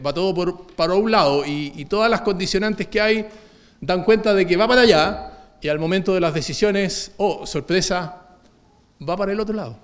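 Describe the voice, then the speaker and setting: A man preaching a sermon, moving between emphatic declarations and hushed, low repetitions of key phrases. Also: clear, resonant tone.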